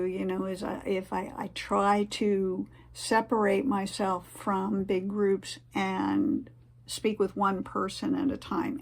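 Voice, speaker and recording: A woman's voice: mid-range voice, darkish tone. A woman giving casual, earnest advice to the camera, rambling a little with fillers and restarts. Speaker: vlogger sharing tips.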